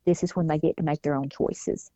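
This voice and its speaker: A woman's voice: sits low, fairly even intonation, a little fast, warm tone, no room sound. A woman, a mother telling her family's story in a casual interview and acting out the voices of people she quotes. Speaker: guest, mother. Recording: dull lo-fi sound.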